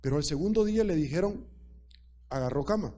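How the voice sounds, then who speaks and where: A man's voice: fairly high pitch, animated, a little fast, mellow. A man preaching a sermon, speaking emphatically and repeating key phrases while addressing the congregation directly.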